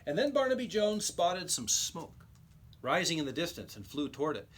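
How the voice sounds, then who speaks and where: In a teacherly way, a man reads a children's storybook aloud, telling it expressively and with emphasis. His voice is on the high side, at a normal speed.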